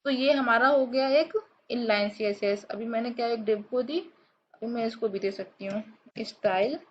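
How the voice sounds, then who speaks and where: A woman's voice: fairly high pitch, fairly even intonation, moderate pace. A woman teaching a programming lesson while she codes on screen, explaining step by step and checking in often with her viewers. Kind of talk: screen-recorded coding tutorial. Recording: dull lo-fi mic, faint hiss.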